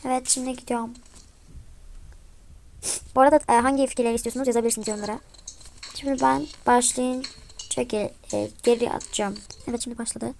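A young woman with a high voice talks over her gameplay in a chatty, excitable way. She sounds a bit sick and often drops to a quiet mutter. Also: quick pace, long pauses, a little hiss or hum. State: slightly sick voice. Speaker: gaming vlogger. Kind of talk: casual gameplay commentary.

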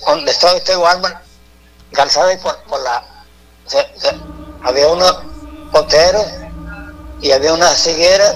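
A man calling in to a radio show over the phone, talking haltingly and repeating his words. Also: on the high side, a little hiss or hum. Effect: heard over a phone line. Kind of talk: casual phone-in chat.

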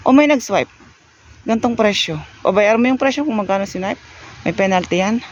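A woman's voice: mid-range voice, a little mellow, muffled recording, a little hiss or hum. A woman from the Philippines telling a casual story on her vlog, chatty, laughing often and trailing off with fillers. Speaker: vlogger. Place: home in Korea.

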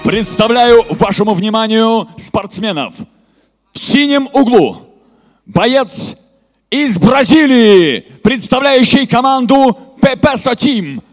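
Booming high-pitched male ringmaster-style fight announcer. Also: expressive. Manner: booming circus-ringmaster delivery with drawn-out shouted names. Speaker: ring announcer at an MMA event. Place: large indoor fight arena. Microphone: announcer microphone through PA. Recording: reverberant arena PA with music.

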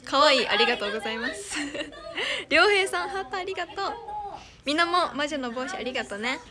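A young woman with a high, bright voice and a Kansai accent chats casually to fans on a live stream. She giggles often and thanks viewers as she reads their comments. A crowd murmurs in the background. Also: lively intonation, a little fast. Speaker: idol streamer.

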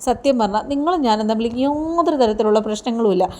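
A woman's voice: on the high side, animated, fast, darkish tone, natural voice. A woman voicing a brusque young male thug who dismisses his new wife, in a TV serial recap. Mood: dismissive.

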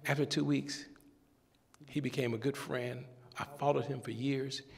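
A man preaching a sermon, telling a story with humor and animated call-and-response. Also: mid-range voice, normal speed, vocal fry. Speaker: pastor. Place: church sanctuary. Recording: long church-hall reverb.

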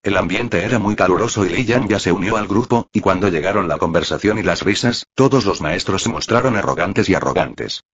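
Deep husky male narrator, lo-fi. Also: brisk, hardly any pauses. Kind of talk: reading a translated web novel aloud. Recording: dull lo-fi audio.

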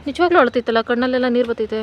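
A woman's voice: on the high side, very fast, muffled recording, very noisy. A woman of about twenty-eight with a rural Kannada accent, chatting casually and jokingly to viewers in a village home vlog. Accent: rural Kannada, Kanakapura area. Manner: joking, addresses viewers as friends, coos at pets. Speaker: vlogger. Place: village home, indoors and outdoors.

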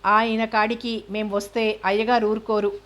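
A woman's voice: medium pitch, little pitch movement, moderate pace, fairly bright tone, close to an everyday voice. A woman voicing a group of humble village mothers, deferential and pleading. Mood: grateful.

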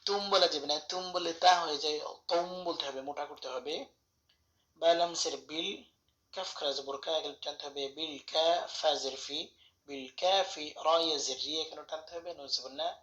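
A man giving a tajweed lesson, spelling out letters and vowel marks step by step, reciting verses slowly and correcting wrong pronunciations. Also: on the high side, fairly even intonation, pushed and bright, reverberant. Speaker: Quran recitation teacher. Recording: dull lo-fi recording.

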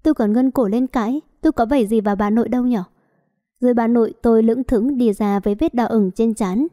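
A woman reading a story aloud in a lively first-person manner. Her voice sits a bit high, with a mellow, soft tone. The delivery is late-night storybook narration. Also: a little fast.

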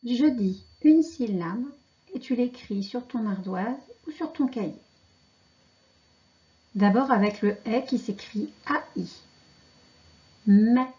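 A woman teaching children to read, pronouncing syllables and words slowly and carefully. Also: on the high side, expressive, dark tone, muffled recording. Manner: slow, carefully articulated dictation. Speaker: reading teacher. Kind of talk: slow reading lesson for children.

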